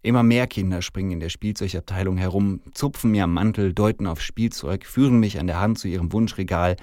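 A man reads a first-person story aloud in an even, storytelling way. His voice sits very low. The sound is close and dry. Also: brisk, no echo. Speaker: narrator.

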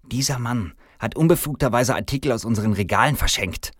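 A man's voice: medium pitch, animated, a little fast, no echo, clean studio sound, pitched above the performer's own voice, natural voice. A man voicing a spiteful, bossy middle-aged store manager in a read-aloud story, hissing his orders. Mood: snappish.

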